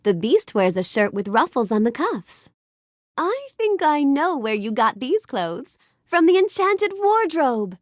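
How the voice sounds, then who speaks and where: In a measured, sing-song, high and swooping voice, the actress plays a dreamy, curious, bookish storybook heroine addressing the player in an animated game. She's gentle and curious here, with a gracious, earnest, wonder-filled, precisely polite delivery. The dry studio sound has no room noise.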